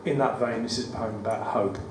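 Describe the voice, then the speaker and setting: A performance poet with a West Midlands accent and a croaky, medium-pitched voice reads his poems at a live cabaret event in a studio theatre, with wry, self-deprecating banter. He talks fast with fairly even intonation, and the distant mic picks up a roomy venue, room noise and audience ambience.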